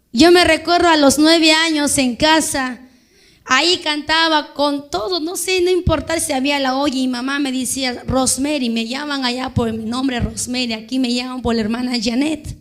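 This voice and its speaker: High-voiced woman preaching a fervent testimony. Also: a bit bright. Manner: fervent, addresses listeners as brothers, quotes others in dialogue. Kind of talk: sermon testimony.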